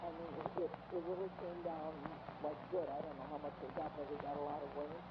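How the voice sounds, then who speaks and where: A man's voice: on the high side, little pitch movement, a little fast. A man on a landline phone in casual chat, rambling along and trailing off mid-thought. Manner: rambling, chatty, trails off and laughs it off. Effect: heard over a landline phone. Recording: muffled landline phone with hiss.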